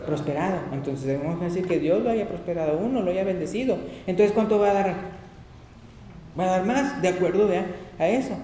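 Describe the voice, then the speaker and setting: A man preaching a sermon, lively, laughing often and acting out little quotes. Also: sits high, brisk. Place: church hall. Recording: echoey church hall, faint noise.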